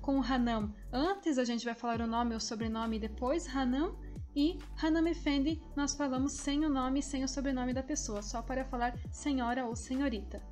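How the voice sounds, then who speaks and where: A woman teaching a language lesson, explaining steadily and then sounding out words slowly, syllable by syllable. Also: high voice, fairly even intonation, a little mellow, soft background music.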